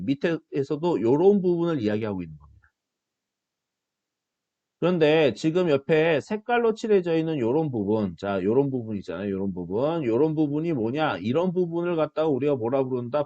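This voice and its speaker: A man's voice: on the high side, very animated, brisk, dark tone, no room sound, lo-fi sound. A middle-aged man, a university biology professor, giving a recorded online lecture, asking his students questions and answering them himself, with self-deprecating asides.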